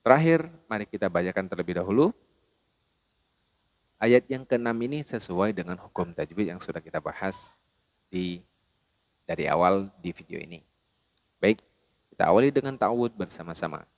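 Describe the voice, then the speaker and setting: A man teaching Quran recitation rules, explaining plainly and then chanting each verse slowly and melodically. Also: sits low, lively intonation, no echo. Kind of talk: tajwid lesson with chanted recitation.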